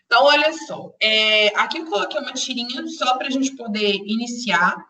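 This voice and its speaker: A woman teaches a live online class, her bright, slightly high voice going over each point again and again for her students. She sits a little away from her computer mic, so the voice comes across roomy and echoey. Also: normal speed, recorded from a distance. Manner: patient, repeats explanations, addresses students directly.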